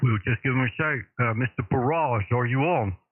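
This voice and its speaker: A man working as a radio operator over a crackly two-way radio, courteous and relaxed, giving call signs. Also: mid-range voice, a little fast. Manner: relaxed and courteous, saying sir often. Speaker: amateur radio operator on a live stream. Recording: crackly narrow-band radio with static noise.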